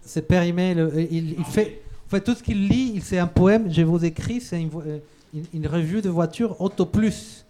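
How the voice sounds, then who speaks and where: Stumbling, dark-voiced male host. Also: on the high side, normal speed, hardly any pauses. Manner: stumbling, restarting phrases. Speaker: show host. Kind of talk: casual live-show hosting.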